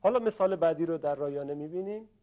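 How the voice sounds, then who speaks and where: A man teaching Quran recitation to a class, explaining patiently in speech and chanting slow examples for students to repeat. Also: a little high, mellow, highs cut off.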